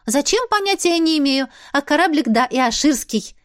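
A woman voicing a bubbly young sister, chirpy and high. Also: expressive, normal speed, no room sound, clean studio sound. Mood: cheerful, coaxing.

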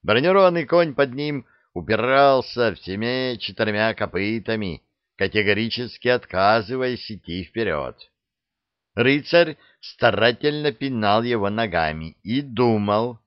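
A man narrating a comic fairy tale in an expressive, unhurried storytelling manner. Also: mid-range voice, smooth, no room sound. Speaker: audiobook narrator. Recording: dull lo-fi recording.

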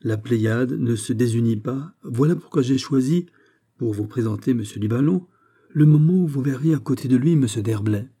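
Guy doing a bold musketeer, animated and punchy, dark husky voice. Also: medium pitch, normal speed. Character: bold, witty musketeer captain. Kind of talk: audiobook character reading.

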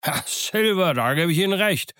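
A pompous, easily outraged squire, voiced by a man reading the book, exclaims in a pitch pushed well above the reader's own. He sounds loud and indignant. The audiobook recording is dry and close. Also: sing-song, normal speed, no room sound. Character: blustering excitable gentleman squire, older man.

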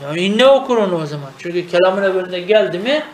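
A man's voice: sits high, expressive, quick pace, roomy sound. A man teaching Arabic grammar in a traditional lesson, asking questions and answering them himself. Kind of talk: traditional madrasa-style lesson.

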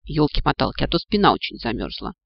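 A man reading an audiobook in a wry, lively first-person storytelling way. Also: a little high, fast talker, creaky, husky, dry recording, dull audio. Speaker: audiobook narrator. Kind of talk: audiobook narration.

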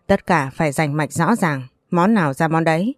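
A woman's voice: low voice, lively intonation, normal speed, no room sound, soft background music. A woman voicing a firm, reproachful older man who is the family elder in a read-aloud story.

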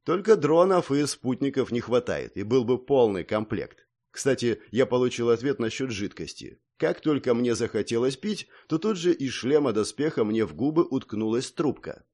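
A man reads a first-person fantasy novel aloud in an even, slightly wry manner. His pitch sits in the ordinary middle range, while his intonation moves in a lively way. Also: moderate pace, few pauses. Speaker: audiobook narrator. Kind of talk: scripted first-person narration.

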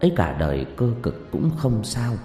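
A male storyteller narrates a ghost story with theatrical flair, his pitch swooping up and down. His voice rings in a roomy reverb. Faint music plays underneath. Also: big pitch swings, moderate pace. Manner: theatrical, swinging pitch and loudness.

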